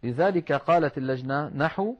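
A man teaching Quran recitation rules, patiently explaining step by step and slowing down to demonstrate words. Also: a little high. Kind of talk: explanatory religious lesson. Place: online class with shared screen. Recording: slightly dull lo-fi sound.

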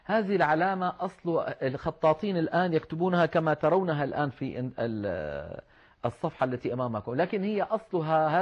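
A man teaching Quran recitation rules, patiently explaining step by step and slowing down to demonstrate words. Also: a little high. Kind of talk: explanatory religious lesson. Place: online class with shared screen. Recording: slightly dull lo-fi sound.

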